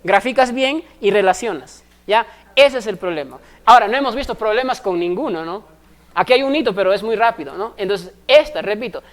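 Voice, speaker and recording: A woman, teaching a recorded math class step by step and often pausing to ask if her students follow. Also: high-pitched. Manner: explains step by step, constantly checking in with short questions.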